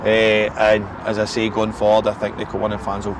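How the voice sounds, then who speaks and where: Standing outdoors next to a football pitch, a Scottish manager in his forties talks after the match in a frank, repetitive way, peppered with "eh" and "listen." He speaks briskly in a lowish, completely flat voice while traffic passes in the outdoor background.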